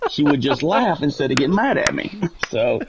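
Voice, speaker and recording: A man from Tennessee, chatting casually as an interview guest, laid-back and quick to chuckle. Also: on the high side, sing-song, very noisy. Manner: laid-back, chuckles often, repeats phrases. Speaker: guest gamer. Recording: dull lo-fi voice chat audio.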